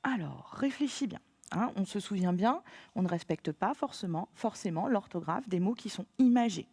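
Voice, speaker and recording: A woman's voice: medium pitch, animated, moderate pace, darkish tone, slightly rough, no room sound. A woman teacher giving a remote lesson to young pupils, patient and encouraging, spelling words out letter by letter. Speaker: primary school teacher.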